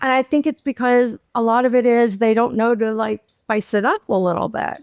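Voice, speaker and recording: A woman co-hosting a podcast in casual chat, animated and laughing often. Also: on the high side, normal speed, smooth, no echo. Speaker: podcast co-host.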